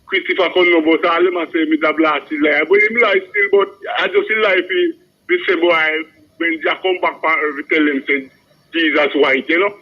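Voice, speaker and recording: A man's voice: fairly high pitch, big pitch swings, a little fast. A Jamaican man phoning a radio show, talking casually in rambling, insistent Rastafarian-style Patois and often adding 'you know'. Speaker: radio phone-in caller. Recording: dull lo-fi radio phone-in.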